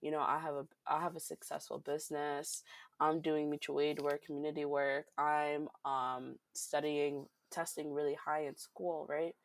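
A teenage girl with a low, husky-toned voice talks earnestly as an interview guest. She tells stories from her life and acts out what friends said to her. Her speech is casual and heartfelt. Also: normal speed, slight background noise. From Rhode Island, USA. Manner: earnest, storytelling, quotes friends in lively voices.

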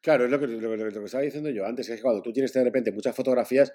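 A man with a Spanish accent co-hosting a podcast, chatting quickly with crude humor. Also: medium pitch, warm tone. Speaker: podcast co-host. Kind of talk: casual chat.

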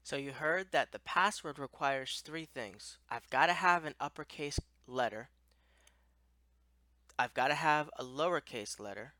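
Male instructor for a step-by-step walkthrough: plain-spoken, crisp bright tone, close dry sound. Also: fairly high pitch, unhurried, dry recording. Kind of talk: explanatory software walkthrough.

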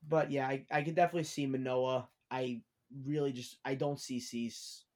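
A Long Island man hosts a casual sports podcast with friends, chatty as he runs the segments and trades takes. His mid-range voice is steady and a little mellow, at a moderate pace.

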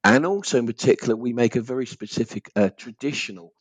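A man's voice: mid-range voice, fast, husky, no echo. A man with an Essex accent chatting informally as a guest in a conversational interview. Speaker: podcast guest, business owner.

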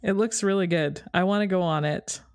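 Casting: woman podcast co-host, lower voice, dry close recording, enthusiastic. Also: brisk, smooth, no echo. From Canada. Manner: warm, enthusiastic, laughs easily. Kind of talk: casual chat.

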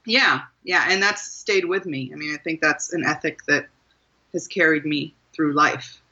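A guest author in her forties from southern Maryland, USA, talks thoughtfully in an interview, often saying um and restarting. Her low, unhurried voice has a sharp, slightly rough tone, and the high frequencies are cut off.

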